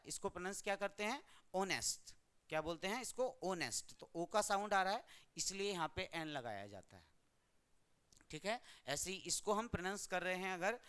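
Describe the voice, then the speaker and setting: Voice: mid-range voice, a bit bright, clean tone. A teacher from India giving a grammar lesson, who keeps asking the class questions and answering them.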